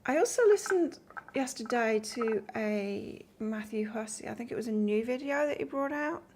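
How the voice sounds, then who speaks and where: A woman's voice: a little high, expressive, normal speed, darkish tone. A woman from the north of England with an accent mixed between northern English and Australian, giving a casual live-stream tarot reading in a chatty, rambling way and chatting with her viewers between cards. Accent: mix of northern English and Australian. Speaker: tarot reader.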